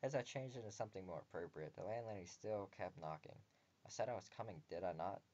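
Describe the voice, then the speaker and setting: Low-pitched and darkish in tone, a man reads a visual novel aloud at a fast clip as a game video host. His narration and dialogue stay mostly plain, broken up by jokes between passages. The home recording is dull and lo-fi, with faint ambience in the background.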